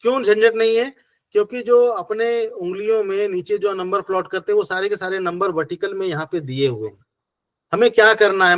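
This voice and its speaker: A man with a fairly high voice and a Hindi accent teaches a class, walking through each step patiently and asking himself questions before answering them. The sound is dry and close, with little room echo. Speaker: acupressure teacher. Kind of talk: online class explanation.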